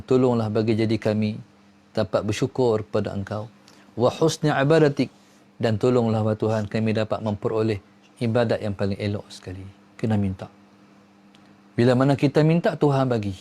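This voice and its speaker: A man giving a religious lesson, reciting Arabic prayers and swinging from low murmurs to high exclaims. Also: warm tone. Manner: recites Arabic prayers within his talk. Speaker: religious teacher.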